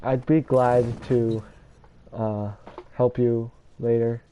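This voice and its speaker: A man's voice: medium pitch, flat delivery, slow, dark tone, slight background noise. A man casually commenting over a video game, rambling and self-deprecating as he talks to viewers. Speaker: gamer showing his builds.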